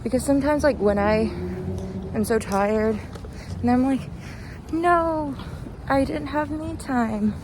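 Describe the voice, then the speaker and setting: High-pitched and chirpy, a woman strolls down a street recording her personal walk-and-talk podcast, rambling alone with frequent giggles, pauses and "like"s. Passing cars and urban outdoor sound come through clearly.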